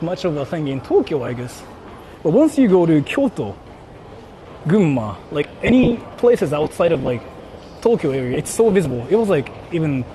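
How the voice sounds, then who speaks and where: Out and about livestreaming, this Japanese man with a higher, warm voice chats casually with his viewers. He rambles and repeats himself, leaning heavily on fillers like "like," while city and traffic noise surrounds him.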